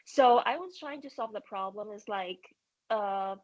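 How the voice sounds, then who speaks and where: A middle-aged woman with a Taiwanese accent talks in a halting way, full of fillers and restarts, as a guest in a fireside chat. Her voice sits mid-range and sounds close and dry. The call audio is somewhat dull and lo-fi. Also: mid-range voice, a little mellow, no echo. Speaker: startup founder, guest.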